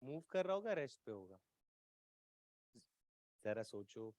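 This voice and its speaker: A man's voice: medium pitch, big pitch swings, measured pace, darkish tone, no room sound. A man teaching an exam-prep physics lecture, coaxing and colloquial, often checking whether students follow. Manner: colloquial, playful teasing tone.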